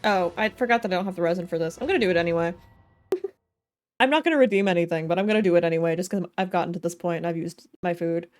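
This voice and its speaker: Over game music, a woman streams a game and chats casually, musing aloud in a rambling, playful style peppered with goofy slang. Her pitch is fairly low, her pace quick, and her tone a little mellow.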